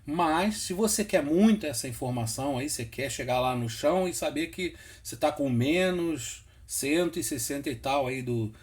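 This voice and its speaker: A man's voice: on the high side, animated, moderate pace, few pauses. A man giving a casual screen-share tutorial, patient and repetitive, often checking in with the listener. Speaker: instructor explaining flight instruments.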